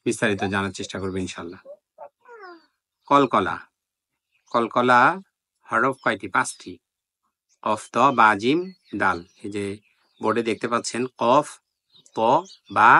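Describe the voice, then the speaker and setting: A man's voice: lowish voice, sharp tone, no room sound, clean studio sound. A man teaching Quran pronunciation at a whiteboard, patiently repeating drill syllables with an emphatic bounce. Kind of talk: whiteboard lesson on tajweed pronunciation.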